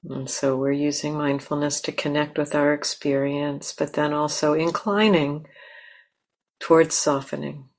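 Speaking slowly in a low register, a female meditation teacher offers a guided meditation. Her intonation is fairly even, her manner gentle and unhurried, and long pauses follow each short phrase.

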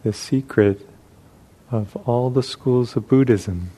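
In this low-quality recording, a man with a mid-range, slightly breathy voice leads a guided meditation as a teacher. He speaks gently and without hurry, with long pauses.

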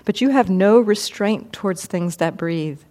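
A woman voicing a calm, serene male spiritual teacher, speaking slowly and quietly. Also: mid-range voice, close to an everyday voice. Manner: slow, quiet, measured.

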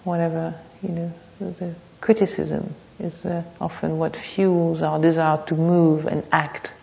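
A woman gives an unscripted dharma talk as a meditation teacher, speaking reflectively and haltingly, with pauses and repeated phrases. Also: sits low, flat delivery, gravelly, mellow. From Thailand. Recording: muffled, reverberant hall.

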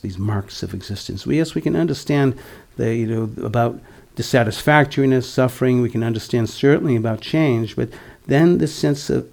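A man's voice: medium pitch, vocal fry, a little mellow. A man in his sixties giving a dharma talk as a meditation teacher, reflective, with wry, humorous asides. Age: 60s.

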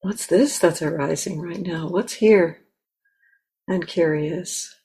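A woman teacher leads a guided meditation in a lowish, breathy voice, gentle and unhurried with long pauses.

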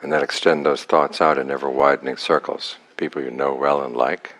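A man with an exceptionally deep voice guides a meditation as a teacher. Calm and unhurried, he gives short instructions and leaves long pauses between them.

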